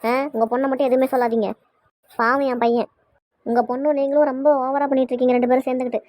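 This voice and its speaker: A woman voicing a bossy, quick-tempered mother in a cartoon, scolding nonstop, with a Kanyakumari Tamil accent. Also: sits high, flat delivery, darkish tone, no room sound, studio quality, close to an everyday voice. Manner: scolding, rapid-fire.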